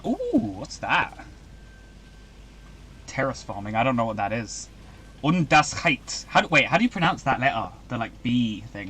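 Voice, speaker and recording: A young man chatting casually as he streams a video game, rambling and breaking into excited outbursts. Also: medium pitch, slight background noise. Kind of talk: casual live-stream commentary.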